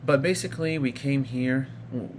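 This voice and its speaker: The voice is mid-range and the speed normal, with slight background noise. It belongs to a male vlogger from Iraq, in his thirties, telling his personal story casually and ramblingly, full of fillers and restarts.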